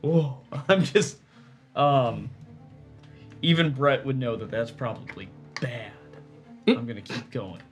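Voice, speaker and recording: A man's voice: medium pitch, slow pace, pauses often. A man chatting casually as a player in a tabletop game. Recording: faint music behind.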